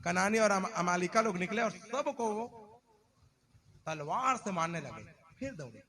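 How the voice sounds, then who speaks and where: ऊँची तीखी आवाज़ वाला जोशीला पादरी. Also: male voice, sits high, animated, measured pace. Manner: dramatic, shouting warnings, repeated hallelujahs. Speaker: pastor. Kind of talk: sermon.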